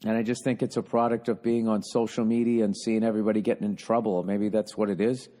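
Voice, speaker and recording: A man's voice: fairly low pitch, little pitch movement, quick pace, dark tone, long reverb tail. A man hosting a casual monologue. He rambles and swears often, and he trails off and restarts his sentences.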